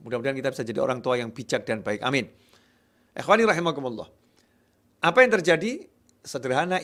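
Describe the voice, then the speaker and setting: A man preaching a sermon in a lively way, acting out worried voices and swinging between loud outbursts and quiet asides. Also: mid-range voice. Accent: Indonesian.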